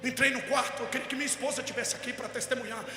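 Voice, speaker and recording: A man with a strikingly high voice preaches to a crowd, telling his story with animated energy and building to shouted exhortation. His voice rings through a big reverberant hall, with music playing underneath. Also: rapid-fire. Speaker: pastor. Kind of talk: impassioned sermon storytelling. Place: large hall at a youth event. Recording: echoey hall with music behind.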